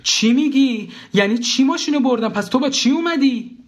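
A man voicing a bossy, chattering woman, a wife and mother, who scolds and fires off questions in a shrill voice. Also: lightly acted. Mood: alarmed.

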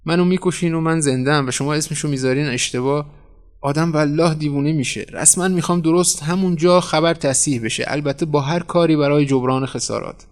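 A man's voice: fairly high pitch, fairly even intonation, pitched above the performer's own voice, lightly acted. A man playing an indignant painter who rants about his false obituary. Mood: outraged. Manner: outraged, shouting. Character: furious indignant middle-aged male painter.

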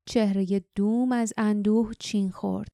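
A woman reading a fantasy audiobook in steady, measured narration. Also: medium pitch, creaky, dry recording, studio quality.

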